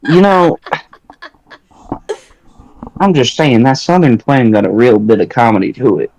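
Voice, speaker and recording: Teasing man with a lively voice. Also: mid-range voice, unhurried, lo-fi sound, slight background noise. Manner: teasing, joking, edgy humor. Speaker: podcast co-host. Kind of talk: casual chat.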